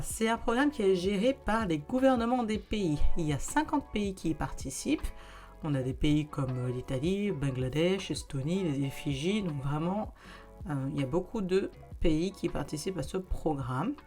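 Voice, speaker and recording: Talking directly to her viewers, a young adult YouTuber shares practical advice on her casual vlog in a chatty, conversational style. Her voice is on the low side and a little mellow, with lively intonation at normal speed. Soft music plays in the background.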